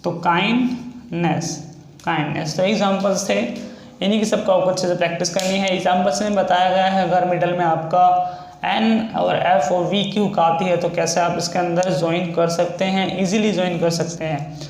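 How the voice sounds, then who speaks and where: A man teaching a shorthand lesson, slowly spelling out words stroke by stroke. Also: sits high, flat delivery, gravelly, darkish tone, echoey room. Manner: slow, stretches out words as he spells them. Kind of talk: explaining a lesson.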